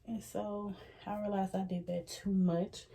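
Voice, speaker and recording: A young woman talking to camera in an earnest, halting, self-reflective way, a little out of breath. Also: mid-range voice, little pitch movement, creaky, mellow. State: slightly out of breath. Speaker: vlogger. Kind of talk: casual reflective talk to camera.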